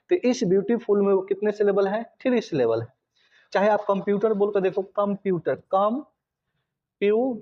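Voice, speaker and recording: A man's voice: high-pitched, dark tone, dull audio. A man teaching English grammar to students, repeating key points and often checking whether they follow. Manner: addresses students directly, repeats and checks understanding. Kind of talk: classroom lesson.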